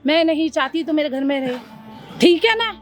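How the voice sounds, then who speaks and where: A woman's voice: high-pitched, expressive, moderate pace, soft background music. A woman playing a hurt wife who firmly refuses to let her sister stay, in an amateur skit. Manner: firm, refusing.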